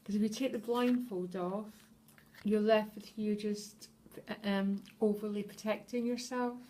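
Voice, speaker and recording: A woman reads tarot cards for her viewers in an earnest, heartfelt way. She is openly moved as she speaks and keeps checking in with them as she goes. Her voice sits at an everyday middle pitch. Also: fairly even intonation, measured pace, warm tone. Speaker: tarot reader. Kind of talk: tarot reading addressed to viewers.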